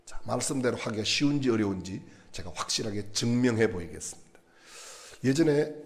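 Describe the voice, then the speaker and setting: A man preaching a sermon in a church, animated and asking the congregation questions. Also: medium pitch, vocal fry. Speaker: pastor.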